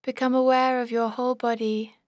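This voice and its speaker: Guiding a body scan meditation, a woman speaks in short, calm, measured instructions, her voice a bit high and barely rising or falling. It's captured close up in a very dry recording without echo.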